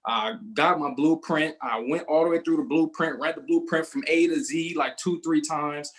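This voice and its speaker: Upbeat young guy training a sales team, confident, telling his own story, kinda high voice. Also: normal speed. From Southern California. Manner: upbeat, storytelling, self-assured.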